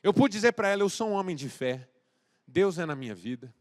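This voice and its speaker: A male pastor from Brazil preaching a sermon, swinging between loud exhortation and quiet, intimate address, acting out dialogue as he tells a story. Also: sits high, animated, a little fast.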